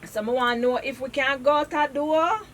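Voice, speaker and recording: A woman's voice: sits high, normal speed, a bit bright, far from the mic, slight background noise. A Jamaican woman with a Jamaican accent, a comedic actress telling funny phone-call stories in patois on a radio interview, laughing often.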